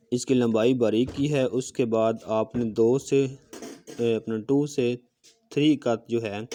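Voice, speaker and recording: With a dark, lowish voice, a man teaches handwriting on a recorded calligraphy lesson, showing pen strokes with a marker as he goes. He's patient and methodical, often pausing to say "okay."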